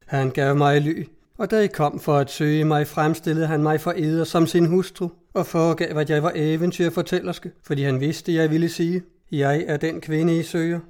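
A gentle fairy of truth, calm and solemn, as a male storyteller reads her. The voice is mellow and slightly high. Each phrase is measured and unhurried. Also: natural voice.

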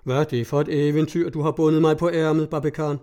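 A man's voice: a little high, flat delivery, warm tone, natural voice. Man reading as a stern suspicious old leader. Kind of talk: audiobook reading.

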